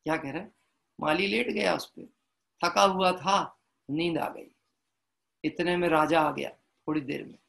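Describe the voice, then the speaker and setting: A man giving a devotional sermon, telling a parable, chanting verses slowly and often checking in with listeners through rhetorical questions. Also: on the high side, fairly even intonation, creaky, fairly bright tone. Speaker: Jain preacher.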